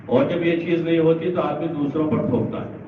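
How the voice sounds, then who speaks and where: A man's voice: a little high, level tone. A man preaching a sermon to a large gathering, asking the audience questions and then answering them himself. He stands well back from the microphone in a heavily echoing hall. The sound is thin and phone-like, with a faint hiss underneath. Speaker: Islamic preacher. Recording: echoey, far-off, phone-like lo-fi recording.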